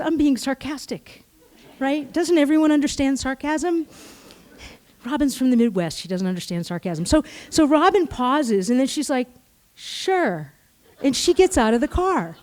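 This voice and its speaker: Middle-aged woman on stage telling a story on herself, acts out the voices, kinda high voice. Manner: animated, self-mocking, acts out the dialogue. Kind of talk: personal story told live on stage.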